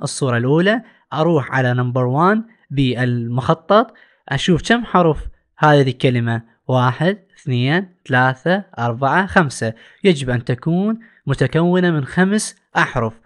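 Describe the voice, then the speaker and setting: A male English teacher with an Iraqi Arabic accent explaining a lesson. He reads English phrases slowly and with emphasis, then explains them in Arabic. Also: on the high side. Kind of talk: recorded classroom lesson.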